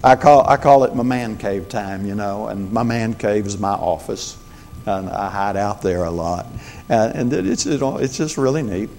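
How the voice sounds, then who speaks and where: A man's voice: lowish voice, moderate pace, a little mellow, a little hiss or hum. A man in his sixties preaching a sermon as the pastor, in a folksy, conversational way with joking asides. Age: 60s.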